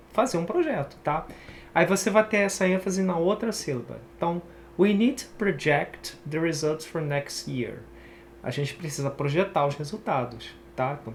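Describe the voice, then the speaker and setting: A man's voice: sits high, slight background noise. A man from Brazil teaching an online English pronunciation lesson, casual and chatty, explaining while he writes on screen.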